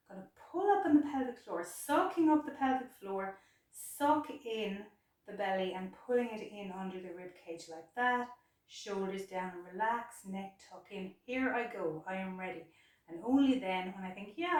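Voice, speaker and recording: A woman's voice: medium pitch, darkish tone. Woman yoga teacher talking thru poses, slightly out of breath, big echoey room, mic far away. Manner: chatty, instructive, repeats words for emphasis.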